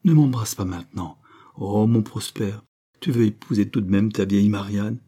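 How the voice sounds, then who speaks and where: A man's voice: fairly low pitch, moderate pace, mellow, breathy edge. A man reading aloud voices a careworn young woman who is tender and overwhelmed, speaking with pleading emotion.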